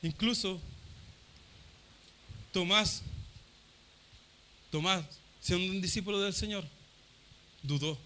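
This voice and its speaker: A man's voice: high voice, takes it slowly, pauses often, a little hiss or hum. A man from Chile preaching a fervent Pentecostal sermon, repeating his phrases for emphasis. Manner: fervent, repeats phrases, acts out shouting crowd voices.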